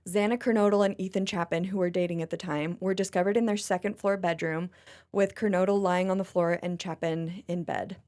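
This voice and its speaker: A young woman from China co-hosts a podcast in relaxed, chatty conversation. She talks animatedly, laughs often and keeps the banter going. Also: lowish voice, brisk, hardly any pauses. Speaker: podcast co-host. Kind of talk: casual chat.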